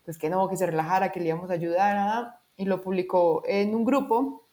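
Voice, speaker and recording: A woman's voice: medium pitch, fairly quick. A woman telling a personal story in casual conversation, acting out the quoted dialogue with lots of fillers. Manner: animated, acts out quoted dialogue, frequent fillers. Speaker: guest sharing a personal story.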